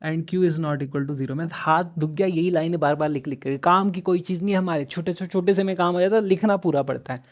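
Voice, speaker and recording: Speaking briskly with few pauses in a slightly high voice, this young online math teacher keeps things chatty and upbeat. He switches easily between Hindi and English and talks to his students as friends.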